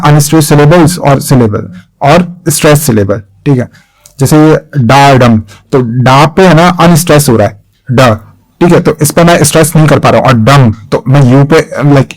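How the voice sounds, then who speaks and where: On a rough recording, a young man with a fairly high voice teaches an exam-prep lesson, speaking slightly raised. As a teacher, he keeps turning key points into questions that he then answers himself, patiently and repetitively.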